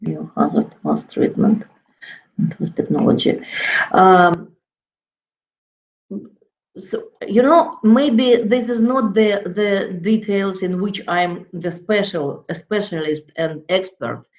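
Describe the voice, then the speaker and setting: A middle-aged woman, Russian-accented and lecturing as a guest, talks at a medium pitch in a slightly mellow voice. She hesitates often and leans on fillers while searching for words. She's in an office with framed certificates behind her, heard through a laptop webcam on a video call with dull lo-fi sound.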